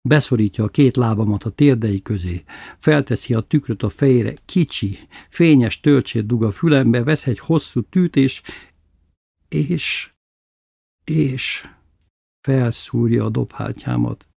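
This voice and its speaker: A man with a husky voice reads a childhood memoir aloud in a quiet, intimate way. His pitch sits mid-range for a man. The recording is dry and close. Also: dry recording. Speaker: narrator.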